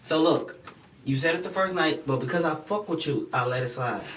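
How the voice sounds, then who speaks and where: A man's voice: on the high side, fairly quick, fairly bright tone, roomy sound, recorded from a distance, a little hiss or hum. A man in a reality show, speaking firmly and insistently, repeating himself to get his point across. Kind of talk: confrontational conversation.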